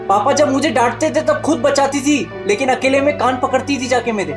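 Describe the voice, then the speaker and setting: A man's voice: extremely high pitch, brisk, over music. A young man playing the son in a comic sketch, with an exasperated, sarcastic delivery.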